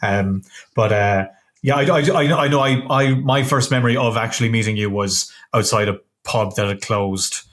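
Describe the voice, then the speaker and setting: An Irish man hosting a relaxed interview, talking in a halting way and often stopping to restart his sentences. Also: fairly low pitch. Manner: hesitant, halting, full of self-interruptions. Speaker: podcast host interviewing a comics artist. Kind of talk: casual interview chat.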